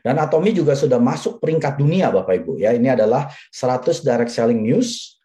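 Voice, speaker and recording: A man's voice: medium pitch, very animated, fairly quick, warm tone. A man in his forties giving a persuasive seminar talk, addressing the audience directly and repeating his key points. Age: 40s. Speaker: business presenter.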